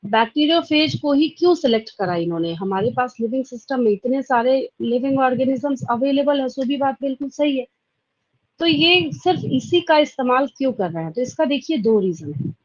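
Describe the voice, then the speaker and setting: A woman's voice: sits high, expressive, brisk, dry recording, dull audio. A woman with an Indian accent giving an exam-prep biology lecture. She asks questions aloud, answers them herself and repeats the key points. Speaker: biology teacher.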